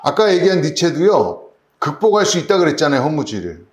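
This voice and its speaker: A man's voice: fairly high pitch, big pitch swings, brisk, roomy sound. A man preaching a sermon as pastor, asking his congregation rhetorical questions. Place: church sanctuary.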